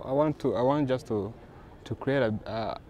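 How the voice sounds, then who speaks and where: A man's voice: mid-range voice, normal speed, highs cut off, a little hiss or hum. A man from Rwanda, a comics creator, chatting casually in an interview and acting out the conversations he recounts. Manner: animated, acts out quoted exchanges.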